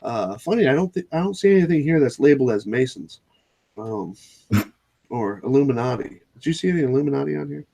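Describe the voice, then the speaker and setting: A man of middling pitch talking in a loose, casual chat. He is blunt and sarcastic, swears freely, and often stops and restarts mid-sentence. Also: expressive, a little fast, vocal fry, warm tone. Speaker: channel host.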